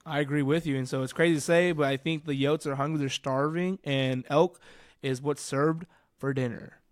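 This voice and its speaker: A man's voice: a little high, fairly even intonation, normal speed, no room sound. A man co-hosting a sports podcast who teaches school by day, talking in joking, slangy banter. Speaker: podcast co-host. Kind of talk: casual sports podcast chat.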